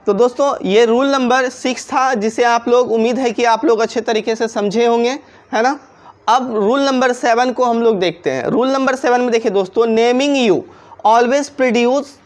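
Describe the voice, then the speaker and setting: A woman with a Hindi accent teaching a pronunciation lesson, spelling words out letter by letter and putting questions to her viewers that she answers herself. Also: fairly high pitch. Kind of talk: classroom-style video lesson.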